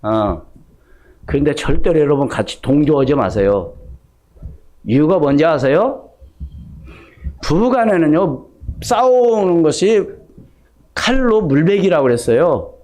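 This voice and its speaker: A man's voice: a little high, animated, unhurried, pauses often, a little mellow. A middle-aged male pastor giving a conversational Sunday sermon, acting out snippets of everyday dialogue. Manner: conversational preaching, acts out gossipy dialogue.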